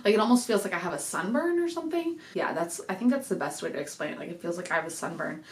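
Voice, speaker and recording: Fast and animated, a young woman chats to camera in a loose home vlog about her pregnancy. Her pitch is fairly low, she's a touch breathless and uses many fillers, and the desk microphone records in an echoey space.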